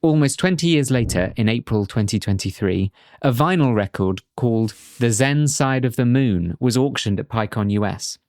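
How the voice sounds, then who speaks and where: A man's voice: medium pitch, lively intonation, moderate pace, darkish tone, dry recording. Man narrating a coding lesson, dry sound. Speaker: course instructor. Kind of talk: scripted tutorial narration.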